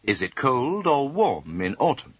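A man's voice: medium pitch, wildly swooping pitch, measured pace, husky, no room sound. A man asking scripted questions in a language-course dialogue. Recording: dull lo-fi audio.

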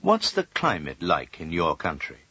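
Lively low-voiced man asking questions. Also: moderate pace, slightly rough, no echo. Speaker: language course speaker. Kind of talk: scripted course questions. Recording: dull lo-fi audio.

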